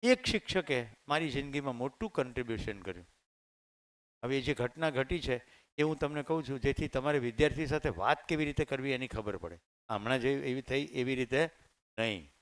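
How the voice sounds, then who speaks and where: In an animated, brisk delivery, a middle-aged Gujarati-accented man with a resonant, clear mid-range voice addresses teachers directly through a microphone. It's a conversational storytelling talk full of anecdotes, given to a live audience in a training hall.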